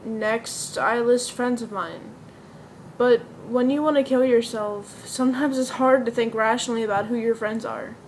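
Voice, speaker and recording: Performing a stage monologue as a bleak, depressed young woman, she speaks in a natural, somewhat high voice with fairly even intonation at normal speed. Her delivery is earnest and confessional, the mood subdued and confiding, captured on a slightly noisy amateur recording.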